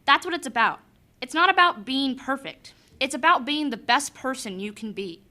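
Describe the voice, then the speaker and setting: High, bright teenage girl giving a speech. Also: expressive, moderate pace. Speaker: student election candidate. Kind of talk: scripted motivational campaign speech.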